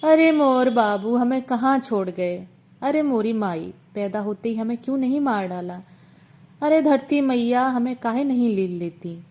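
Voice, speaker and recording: A poor hunchbacked young woman from a read-aloud story, crying out in a pleading, wailing voice, as a woman narrator puts her on. She sounds wronged and desperate, and her voice sits slightly above an ordinary woman's pitch. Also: expressive, a little slow, warm tone.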